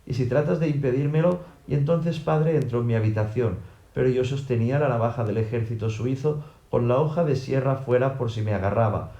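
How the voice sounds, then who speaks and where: A man reading a first-person audiobook narration in an even, literal way, in a roomy-sounding recording. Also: mid-range voice, a little fast, dull audio. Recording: roomy echo.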